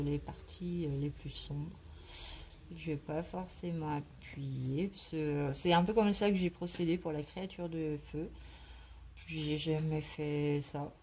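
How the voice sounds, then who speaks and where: While colouring in a book for her craft vlog, a woman chats in a relaxed, faltering, rambling way. Her warm voice sits low, carries a slight smoker's cough, and there's some slight background noise.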